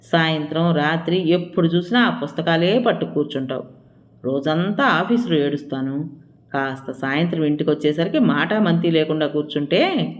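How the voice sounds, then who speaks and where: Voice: mid-range voice, lively intonation, moderate pace, natural voice. A narrator doing an aggrieved husband in an audio story, scolding and sarcastic, grumbling complaints at his wife. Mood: irritated. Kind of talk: audiobook role reading.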